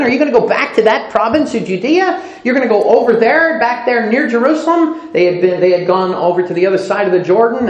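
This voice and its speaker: Scripture is read aloud during this sermon, with the preacher repeating phrases to drive points home. His delivery swings from loud emphasis to quiet, low asides, and the room is echoey.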